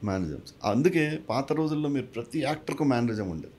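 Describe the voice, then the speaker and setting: A man who works as a mimicry artist and actor, answering interview questions in a lively way and mixing English phrases into his talk. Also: mid-range voice, a little fast. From a village. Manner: animated, mixes English into his speech.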